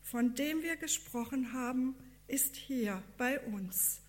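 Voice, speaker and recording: A woman voicing two calm young male missionaries who speak quietly and reassuringly. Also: high-pitched, slow pace. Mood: assuring.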